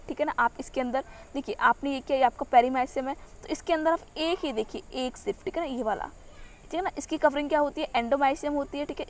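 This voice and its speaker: High-voiced woman teaching biology. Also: slight background noise. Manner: repeats a steady filler tag and asks rhetorical questions before each answer; mixes in English phrases and reads textbook sentences slowly. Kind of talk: classroom lecture explaining a diagram.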